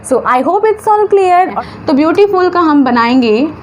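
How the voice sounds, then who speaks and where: A woman with a high voice teaches a grammar lesson at an easy pace. She sounds words out slowly, syllable by syllable, and answers her own questions. A faint hum of traffic sits behind her. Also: lively intonation. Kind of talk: classroom-style grammar lesson.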